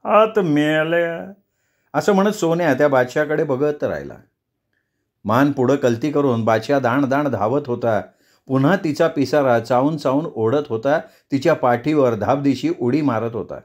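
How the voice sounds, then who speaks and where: A man narrating a novel aloud as a storyteller, in a measured, expressive reading. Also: medium pitch.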